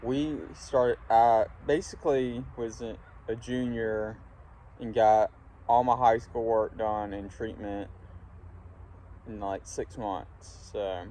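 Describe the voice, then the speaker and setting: A young man from Alabama talking in a casual, halting, reflective ramble while smoking a pipe, often trailing off. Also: lowish voice, steady tone, warm tone. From Alabama, United States. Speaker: vlogger talking to viewers. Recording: windy, clear background noise. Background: wind.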